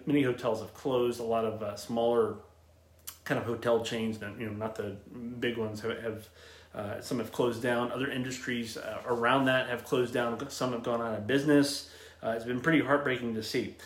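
A man in his late thirties hosts a casual talk show as a travel agent. He is chatty and upbeat, full of ums and restarts. His mid-pitched voice carries a noticeable room echo. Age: 30s. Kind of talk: casual solo livestream talk.

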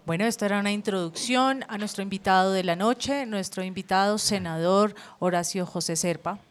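A woman's voice: mid-range voice, fairly quick. A woman who co-hosts a talk show, introducing segments in a playful way. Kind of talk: casual talk show hosting.

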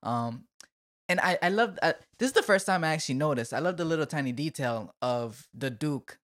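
A young woman with an unusually deep, low voice, co-hosting a relaxed podcast. She recaps scenes in a chatty way and drops into playful quotes of the characters. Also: brisk. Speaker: podcast co-host. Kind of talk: casual chat.

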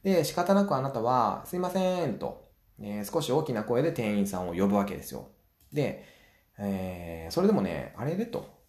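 A man hosting his own solo talk show, chatting through advice, acting out small everyday scenes and filling pauses with drawn-out "uh" sounds. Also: fairly low pitch, sing-song, a little mellow, echoey room. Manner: chatty, acts out little scenes; frequent filler sounds. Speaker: podcast host.

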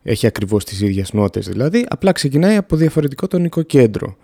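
A man's voice: medium pitch, sing-song, gravelly, warm tone, breathy edge. A man teaching music theory in a casual podcast lesson, explaining in a plain, down-to-earth way and counting off notes and steps.

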